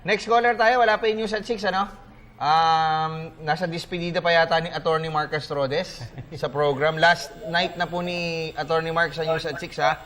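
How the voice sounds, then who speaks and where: High-voiced male sports show host. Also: steady tone, normal speed, a bit bright. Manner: joking, teasing, easygoing. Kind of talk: casual studio banter taking callers. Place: TV studio.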